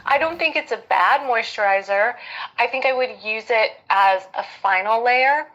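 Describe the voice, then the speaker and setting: A woman's voice: a little high, normal speed, a bit bright, low-quality recording. A woman hosting a casual live skincare Q&A, giving advice in a conversational, hesitant way as she thinks aloud.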